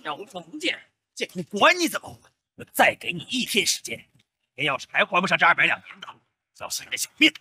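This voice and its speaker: A scornful moneylender in a gambling den of a costume drama, threatening a debtor. He talks fast with a high, very bright tone and a husky edge, recorded dry. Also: sing-song, no room sound, full character voice. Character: menacing male gambling-den moneylender, blustering. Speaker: gambling creditor.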